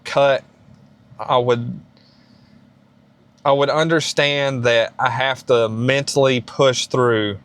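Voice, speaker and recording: A man in his late thirties hosting a fitness vlog, giving beginner lifting advice in a casual, rambling and encouraging way, with many restarts and fillers. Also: medium pitch. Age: 30s. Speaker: fitness channel host.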